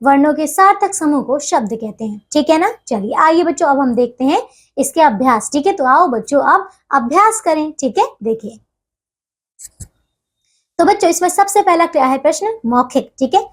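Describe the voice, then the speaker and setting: A woman's voice: high-pitched, lively intonation, moderate pace. A woman teaching a grammar lesson to young children, talking patiently and checking in with them again and again. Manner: patient, repeats checks with listeners often.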